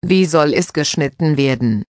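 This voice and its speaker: A woman's voice: sits low, lively intonation, normal speed, a little mellow, dry recording, clean studio sound. A woman voicing a curious young girl who asks her mother questions about cooking. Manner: questioning, plain.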